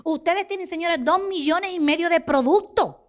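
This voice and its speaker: Woman, motivational business talk, animated, acts out dialogues, high voice, dull lo-fi sound. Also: moderate pace. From Dominican Republic. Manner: animated, acts out sales dialogues, addresses audience as señores. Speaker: network marketing business speaker.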